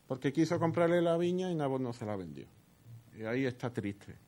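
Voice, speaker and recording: A man's voice: medium pitch, lively intonation, fairly quick, a little mellow. A man preaching a sermon, explaining a Bible passage with rhetorical questions and frequent "¿no?" tags. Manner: expository, asks rhetorical questions, tag "¿no?". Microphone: headset earpiece.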